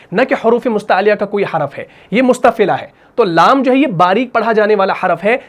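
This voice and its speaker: Patient man teaching Quran recitation rules. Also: very high-pitched. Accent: Pakistani Urdu. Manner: explains patiently, repeats rules, models drawn-out recitation. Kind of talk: tajweed lesson.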